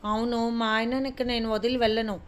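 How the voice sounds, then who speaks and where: A woman's voice: fairly high pitch, level tone, clean tone, close to an everyday voice. A woman reading the lines of a fussy, childlike middle-aged wife who complains and scolds. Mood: scolding. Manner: pouting, complaining, quick-tempered.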